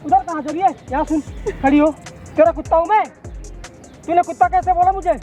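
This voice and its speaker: Man cast as a bitter young husband, very high strained voice, confrontational, music faint behind. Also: fairly even intonation, brisk, mellow. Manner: bitter, confrontational, repeating demands. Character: humiliated, furious young husband. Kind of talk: staged family drama skit.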